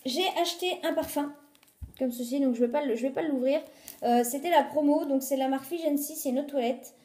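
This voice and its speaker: High-voiced woman chatting in echoey room. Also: fairly quick, dark tone. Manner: chatty, many fillers, lists prices. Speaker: vlogger showing a shopping haul. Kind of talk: casual haul vlog. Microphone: phone.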